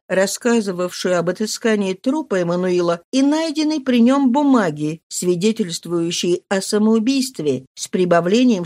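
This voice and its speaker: A woman reading a novel aloud as narrator, in an expressive, dramatic manner. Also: mid-range voice. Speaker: audiobook reader. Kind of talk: scripted narration.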